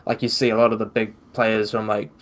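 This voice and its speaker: A man's voice: fairly low pitch, level tone, fairly quick. A man with a New Zealand accent hosting a casual podcast chat, rambling with many fillers and restarts. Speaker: podcast host.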